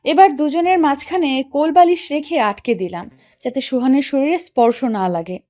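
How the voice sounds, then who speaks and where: A woman's voice: sits high, moderate pace, warm tone, no echo, close to an everyday voice. A woman narrating and playing a young wife who tells the story in first person, earnest and questioning, for a Bengali audio story. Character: young wife, hurt and puzzled.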